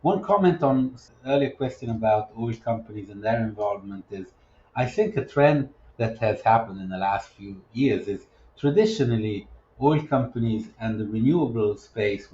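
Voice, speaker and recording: Low-voiced man explaining in a roomy room. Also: darkish tone, lo-fi sound. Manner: measured, explanatory, with frequent restarts. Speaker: business development advisor, guest. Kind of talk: podcast interview answers.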